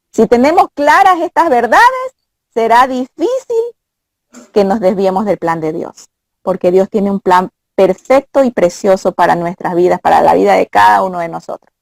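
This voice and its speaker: A woman's voice: on the high side, vocal fry, no echo. Earnest woman teaching from scripture. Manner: earnest, quotes scripture, mimics voices. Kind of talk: conversational Bible teaching.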